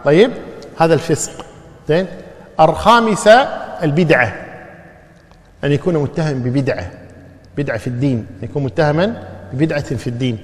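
A man's voice: fairly high pitch, a little fast, long pauses. A male teacher giving a classroom lecture, quizzing his students with questions and repeating key terms. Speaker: teacher of hadith studies. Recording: long hall reverb.

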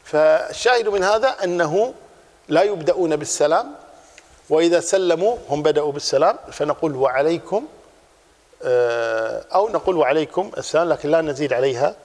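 A man teaching a religious class, explaining a text in a lively way and repeating his key points. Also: fairly high pitch, a little fast, big-room sound.

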